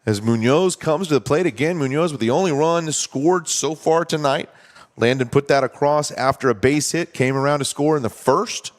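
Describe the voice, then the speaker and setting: A man calling a baseball game play-by-play, talking steadily and conversationally and explaining strategy between pitches. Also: moderate pace. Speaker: play-by-play announcer. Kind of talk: baseball commentary.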